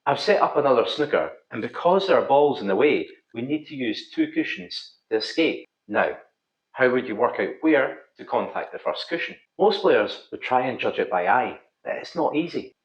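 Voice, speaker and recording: A man's voice: medium pitch, sing-song, moderate pace. A middle-aged man with a thick Scottish accent, giving scripted instructional narration as a pool coach and video host. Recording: slightly dull, roomy echo.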